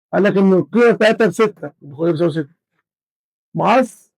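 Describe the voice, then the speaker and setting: A man's voice: high-pitched, no echo, rough recording. A man with an Egyptian Arabic accent teaching an exam-prep math lesson, counting values aloud step by step.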